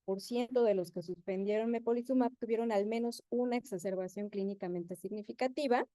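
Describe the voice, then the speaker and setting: Brief: female doctor presenting slides online, warm low voice, dry sound, connection glitching and choppy. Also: fairly quick, dry recording. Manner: explains slides with frequent hesitant fillers. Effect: choppy, breaking-up internet call audio. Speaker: physician presenter. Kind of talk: medical webinar lecture. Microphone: video call.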